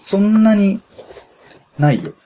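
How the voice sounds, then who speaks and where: A man's voice: sits high, wildly swooping pitch, takes it slowly, warm tone, a little hiss or hum. A man co-hosting a casual late-night chat, teasing his partner with probing questions and dry asides. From Japan, grew up in Shizuoka. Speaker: podcast co-host.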